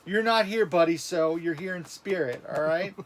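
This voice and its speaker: A man's voice: a little high, moderate pace. A man in his thirties co-hosting a casual livestream, easygoing as he reads and greets viewers in chat. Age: 30s. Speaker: livestream co-host reading chat.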